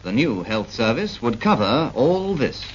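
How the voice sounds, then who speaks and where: Heard over a dull 1940s film soundtrack with music and a little hiss or hum, this British man patiently explains as he narrates a 1940s public information cartoon, speaking to a character in scripted narration. His voice is medium in pitch, very animated, and unhurried.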